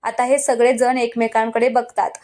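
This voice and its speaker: A woman's voice: fairly high pitch, level tone, moderate pace, darkish tone. A woman casually retelling a TV serial episode in a chatty way, speaking straight to her viewers with frequent asides. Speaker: TV serial recap narrator. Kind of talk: casual storytelling recap.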